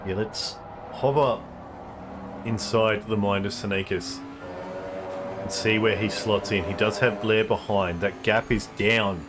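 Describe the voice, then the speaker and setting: A man's voice: on the low side, steady tone, measured pace, background noise. A man giving live race commentary, thinking aloud and explaining car details with frequent ums. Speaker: sim racing commentator.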